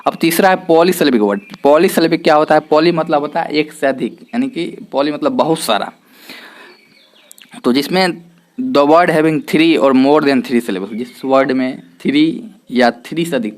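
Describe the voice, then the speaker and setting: A man teaching a lesson in Hindi, dropping English terms into his speech. He poses his own questions and answers them right away. He draws out each example word and says it several times. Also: mid-range voice. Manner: repeats example words slowly, asks and answers own questions. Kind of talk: explanatory classroom lesson.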